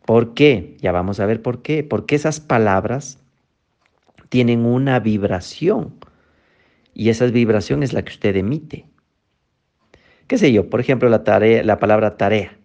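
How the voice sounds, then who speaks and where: A man's voice: lowish voice, measured pace, pauses often, a little mellow, dull audio. A man giving a motivational talk. He speaks emphatically, posing rhetorical questions and then answering them.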